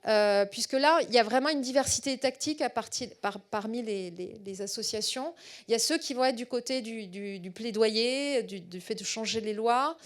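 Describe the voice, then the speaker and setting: A middle-aged woman with a southwestern French accent gives a public lecture as a researcher. She often pauses on fillers and repeats words. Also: a little high.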